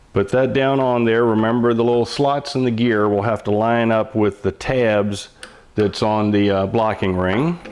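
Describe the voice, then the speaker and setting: Older machinist patiently explaining. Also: male voice, fairly low pitch, darkish tone. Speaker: mechanic giving instruction. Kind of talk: hands-on how-to explanation.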